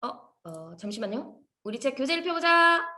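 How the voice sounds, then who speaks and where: A woman teaching an English phonics lesson to young children in an animated, sing-song, encouraging way. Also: high voice, normal speed.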